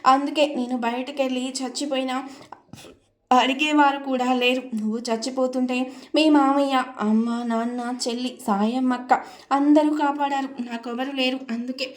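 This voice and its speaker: A woman narrator puts on a weeping young woman from a storybook, innocent and quick to blame herself. Her voice sits slightly high and stays in a narrow band, tearful and pleading. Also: fairly even intonation, natural voice.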